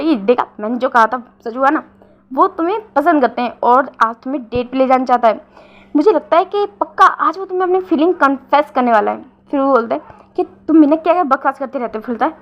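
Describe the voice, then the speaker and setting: A woman casually retelling a romance fan story, often pausing with fillers and correcting herself. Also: high-pitched, muffled recording. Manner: frequent fillers and self-corrections.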